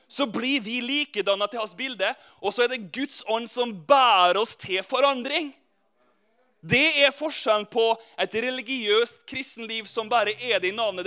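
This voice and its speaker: A male preacher from Norway telling a parable within his sermon and turning to his listeners with questions. His voice is high and bright, with a smooth, clear ring. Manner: lively, speaks directly to listeners. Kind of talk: sermon with storytelling.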